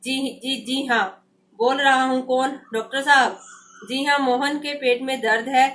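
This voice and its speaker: A woman's voice: high-pitched, steady tone, a little slow, a bit bright. A woman teacher reading aloud the lines of a bewildered father politely answering a doctor on the phone. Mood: flustered.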